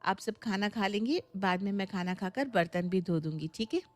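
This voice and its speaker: A woman's voice: medium pitch, lively intonation, normal speed, no room sound, lightly acted. A woman voicing a suspicious young bride who answers her mother-in-law with defiance and sarcasm. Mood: polite.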